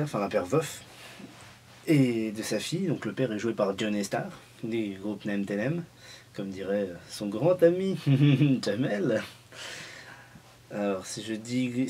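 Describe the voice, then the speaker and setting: A man's voice: medium pitch, mellow, a little hiss or hum. A man vlogging at home in a casual, joking film review, rambling and restarting his sentences often.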